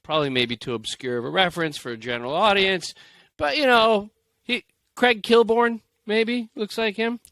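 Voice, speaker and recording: A man's voice: high voice, normal speed, fairly bright tone, no room sound, studio quality. A man co-hosting a podcast in casual, jokey chat, reading stories aloud and slipping into playful voices. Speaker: podcast co-host.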